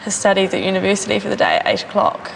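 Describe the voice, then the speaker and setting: A woman's voice: mid-range voice, big pitch swings, very fast, creaky. A woman, a police officer asking questions and relaying answers casually. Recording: noisy location sound with vehicles.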